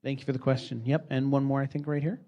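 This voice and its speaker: A man moderating a conference panel's question time, halting and filling pauses with ums. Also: medium pitch, little pitch movement, mellow, dull audio. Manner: halting, many fillers and restarts.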